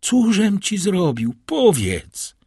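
A man's voice: expressive, slow pace, slightly rough, no room sound, clean studio sound, heavily acted. A man voicing a frantic male prosecutor who is sliding into madness, crying out in desperate pleas. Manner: shrill cries, pleading and desperate.

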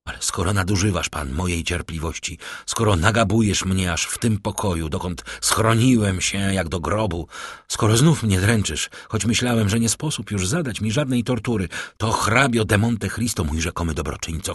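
A man's voice: low voice, husky, no echo, studio quality. A man reading the part of a desperate young man who pours out grief and rage in an audiobook. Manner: impassioned, rising to outbursts.

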